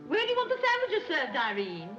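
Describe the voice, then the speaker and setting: A woman's voice: high-pitched, huge pitch swings, brisk, lo-fi sound. Fluttery scatterbrained society mother. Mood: flustered. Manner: flighty, gushing, giggly. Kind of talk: 1930s screwball film acting. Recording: old 1930s film soundtrack, music behind.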